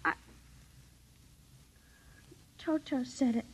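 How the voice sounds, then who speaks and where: A woman's voice: high-pitched, very slow, breathy edge, no room sound, full character voice, low-quality recording. A woman playing a little girl who pleads and whines in a radio drama. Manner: pleading, whiny.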